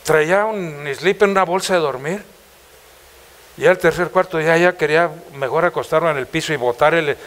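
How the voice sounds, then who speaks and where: High-voiced impassioned Mexican pastor. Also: male voice, normal speed, a bit bright. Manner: impassioned, asks the congregation rhetorical questions. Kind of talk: sermon. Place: church.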